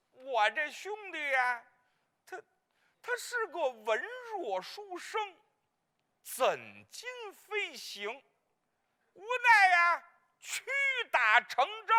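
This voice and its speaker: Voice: high-pitched, bright, forceful tone, heavily acted. A performer playing a fussy, scatterbrained older woman in a comic Peking opera monologue, who gossips to the audience and muddles names before correcting herself. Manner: gossipy storyteller addressing the audience. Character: comic older woman, hero's flustered elder sister.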